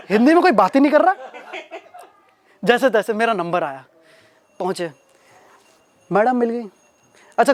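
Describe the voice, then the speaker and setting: Young man from doing stand-up. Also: very high voice. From Uttar Pradesh, India. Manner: animated, self-mocking anecdote telling. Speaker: stand-up comedian. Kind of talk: stand-up storytelling.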